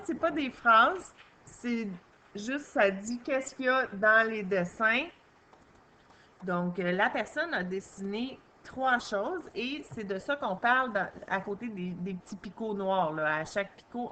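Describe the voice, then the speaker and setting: A woman with a Québécois accent teaches young children to read, sounding out each syllable slowly and patiently. Her voice is bright and clear. A faint hiss of noise sits under the recording. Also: medium pitch. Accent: Québécois French. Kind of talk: early reading lesson for young children.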